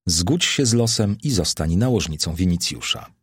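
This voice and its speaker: A man voicing a gentle, resigned freedwoman. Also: low voice, lively intonation, normal speed, breathy edge, dry recording, studio quality, full character voice.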